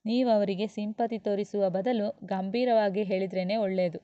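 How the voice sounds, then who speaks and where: A woman's voice: medium pitch, steady tone, normal speed, warm tone, no echo, highs cut off, close to an everyday voice. A woman voicing a defiant young woman lecturer who talks sharply and scornfully. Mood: firm.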